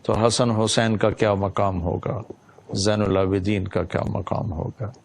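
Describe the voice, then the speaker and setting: Low-voiced male preacher telling a story. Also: fairly even intonation, creaky. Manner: retells a story with reverent, emphatic delivery. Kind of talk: sermon storytelling.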